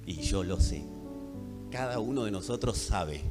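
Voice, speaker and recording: A man from Buenos Aires with a Rioplatense accent, preaching a sermon emphatically and addressing the congregation directly, dropping to hushed tones and rising to loud ones. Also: low voice, lively intonation, a little slow. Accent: Rioplatense Spanish. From Buenos Aires, Argentina. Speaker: pastor. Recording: echoey hall with faint music.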